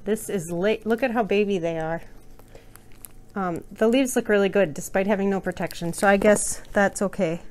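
A woman's voice: mid-range voice, normal speed, a little mellow. A woman hosting a plant vlog, chatting casually and joking about herself as she unboxes a delivery at home. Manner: chatty, thinks aloud, self-mocking jokes. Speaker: plant channel host.

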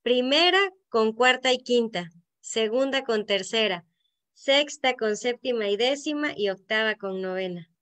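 A middle-aged woman with a Veracruz Mexican accent leads an online poetry class over a video call. Her voice sits a little high. She explains patiently and often tosses in a questioning "no?" to keep her listeners with her. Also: unhurried, fairly bright tone. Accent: Veracruz Mexican Spanish. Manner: explanatory, asks the group to check in with frequent "¿no?". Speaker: poetry workshop teacher. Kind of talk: online workshop lesson.

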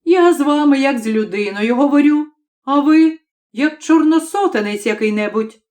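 A woman reading an audiobook, voicing a young male student who argues calmly and evenly. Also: fairly high pitch, close to an everyday voice. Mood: offended. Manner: measured, arguing.

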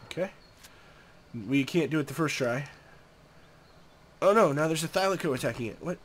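Pitched a little high and expressive, his voice moves at a moderate pace. He's a young man with a cold-stuffed, nasal sound, offering relaxed, chatty game commentary and speaking to the on-screen creatures.

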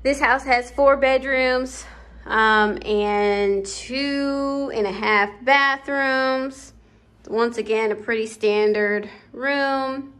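A young woman vlogger gives a casual tour of an empty house, walking room to room while filming on a handheld phone. Her voice is high, smooth and fairly bright, with fairly even intonation and a very slow pace, and she says "um" often.

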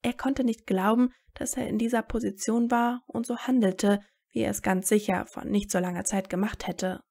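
Woman reading a fan story aloud, gravelly. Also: mid-range voice, fairly even intonation, normal speed, darkish tone. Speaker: audiobook reader.

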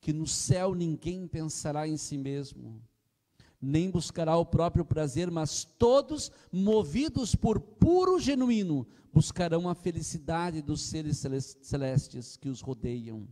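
An older man with a Brazilian Portuguese accent preaches with passion, pressing his points and calling out to the congregation. His voice sits fairly high for a man. He speaks into a handheld mic, and the church hall rings with a long reverb. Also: animated, a little slow, dark tone. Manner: impassioned preaching, often calling the congregation "irmãos", retelling anecdotes. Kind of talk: sermon. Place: church platform indoors.

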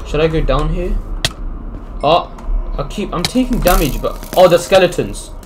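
A man's voice: on the high side, animated, normal speed, background noise. A young man doing panicky Let's Play commentary, yelping and crying out at sudden scares. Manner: jumpy, panicky reactions with sudden yelps. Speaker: gaming YouTuber. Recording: music playing behind.

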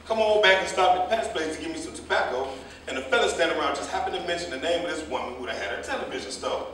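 Fairly high-pitched and a bit bright, this man talks rapid-fire and expressively as a chatty, nosy cabbie in a play reading, gossiping at length with indignation. It's recorded on an echoey stage with a distant mic and faint noise.

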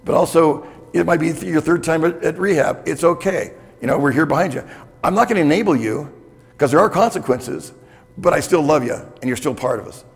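Gravelly man giving a keynote talk. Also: fairly high pitch, lively intonation, a little fast. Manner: candid, conversational, with frequent "okay?" check-ins. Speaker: keynote speaker. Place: hotel conference room with audience. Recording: reverberant conference hall.

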